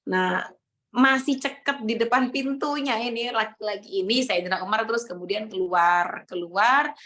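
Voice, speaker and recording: A young woman with a Javanese accent teaching a Ramadan religious study, relaxed and storytelling, slipping into Javanese asides. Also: a little high, normal speed.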